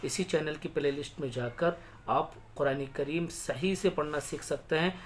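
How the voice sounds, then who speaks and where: A man teaching Quran reading. He explains the rules briskly, then chants each verse slowly, syllable by syllable. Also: on the high side, slight background noise.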